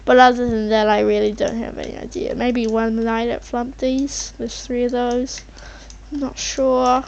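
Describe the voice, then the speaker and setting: A woman with a fairly high voice rambles casually over a video game at a very unhurried pace. She is hesitant and meandering, thinking out loud as she goes. The recording is slightly muffled, with some faint noise behind her. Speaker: video channel host. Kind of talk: casual rambling gameplay commentary. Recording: muffled mic with faint background noise, keyboard typing.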